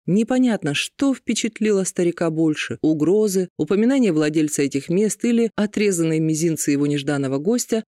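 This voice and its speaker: A man narrating a fantasy audiobook in a steady, measured reading. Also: on the high side, dry recording, studio quality. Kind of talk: scripted narration.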